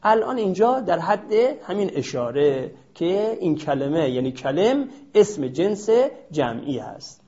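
A man gives a grammar lecture in a lively, rising-and-falling voice, slowing down to stress each key term. His voice sits a little high for a man. The recording is dull and muffled. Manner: animated, stresses terms by repeating them slowly. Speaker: teacher of Arabic grammar. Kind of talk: classroom lecture.

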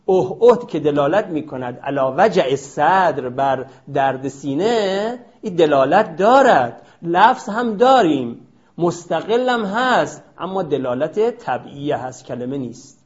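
A man gives a grammar lecture in a lively, rising-and-falling voice, slowing down to stress each key term. His voice sits a little high for a man. The recording is dull and muffled. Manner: animated, stresses terms by repeating them slowly. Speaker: teacher of Arabic grammar. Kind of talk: classroom lecture.

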